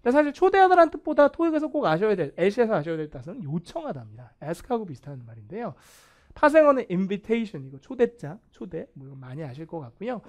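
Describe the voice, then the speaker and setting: Male english instructor, high voice, very lively pitch, playful, self-mocking lecture tone. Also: fast talker. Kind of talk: video vocabulary lecture.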